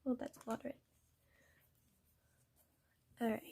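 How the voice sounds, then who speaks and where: A young woman explaining paintbrushes in a painting tutorial, hesitant and halting, often correcting herself. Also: mellow, slight background noise. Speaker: art tutor.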